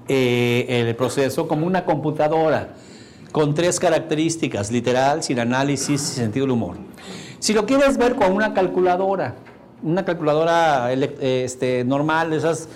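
A man teaches a seminar on neuro-linguistic programming. His voice sits slightly high, and he plays out quoted dialogue with humor. A faint hiss of background noise runs under the recording. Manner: animated, acts out quoted computer dialogue, jokey asides to the audience. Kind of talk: live seminar lecture.

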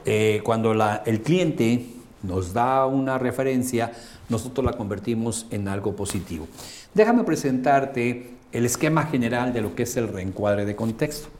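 A man's voice: medium pitch, lively intonation, a little slow, a little mellow, slight background noise. A man with a Mexican accent, teaching a coaching lesson with frequent hesitant filler sounds. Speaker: coaching instructor.

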